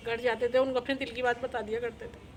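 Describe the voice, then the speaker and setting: A woman's voice: a little high, flat delivery, fast talker, faint music behind. A middle-aged woman vlogger speaking to camera in a sorrowful, plaintive way, repeating her complaints. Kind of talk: emotional personal confession to camera.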